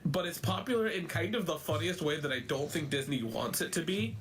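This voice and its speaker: A man's voice: on the high side, lively intonation, a little fast, fairly bright tone. Young man, guest, casual chat, emphatic, cuts in, faint background hiss. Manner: emphatic, interrupts to make points.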